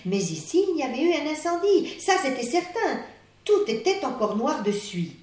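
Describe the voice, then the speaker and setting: A woman reading a story aloud in a theatrical way, moving between hushed and excited, recorded in an echoey room with the mic far off. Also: high-pitched, normal speed.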